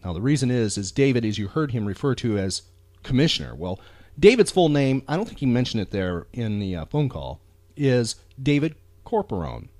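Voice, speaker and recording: A male podcast host delivers a casual talk-show monologue in an earnest, easygoing way, his pitch lively and swinging. He pauses and repeats words while working through his thoughts, at a moderate pace. The recording is close and dry, with no echo.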